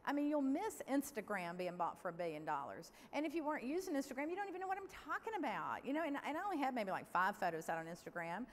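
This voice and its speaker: A middle-aged woman giving a lively, candid conference keynote and talking straight to the audience. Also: high voice, quick pace, hardly any pauses. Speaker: keynote speaker. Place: large conference hall. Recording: long hall reverb, faint room noise.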